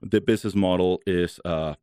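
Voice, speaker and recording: A man from Chile in his thirties, a guest talking in a relaxed, chatty way with many fillers. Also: low-pitched, moderate pace, clean tone, no room sound, studio quality. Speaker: guest, solar company founder. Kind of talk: casual interview talk.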